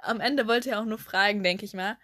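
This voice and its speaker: A young woman co-hosting a casual chat, animated, acting out her younger self and laughing often as she tells a story. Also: medium pitch, a little fast, dry recording, studio quality. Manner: animated, acts out her younger self with sudden loud cries; laughs often while telling. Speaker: podcast co-host.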